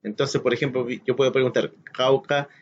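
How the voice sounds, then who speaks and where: A man gives a recorded school lesson at a middle pitch, patient and methodical. He counts aloud and poses questions to his students as he explains each step. The recording has a dull, lo-fi quality. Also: steady tone, fairly quick, slight background noise. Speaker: teacher. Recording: dull lo-fi sound.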